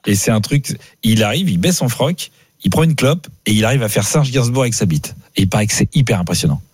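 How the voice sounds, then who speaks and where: A man's voice: lowish voice, expressive, quick pace, a little mellow, breathy edge, dry recording. A man from Paris hosting a radio show, teasing his guests and joking in mock-solemn asides. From France (Paris). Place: radio studio.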